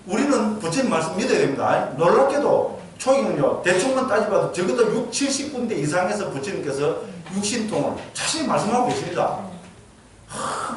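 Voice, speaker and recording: A man's voice: high voice, slight background noise. A man with a Gyeongsang accent, a monk giving a dharma lecture who keeps asking the audience questions and checking they follow. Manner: asks the audience questions, frequent 'geujyo?' checks. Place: temple lecture hall. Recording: echoey hall from far off.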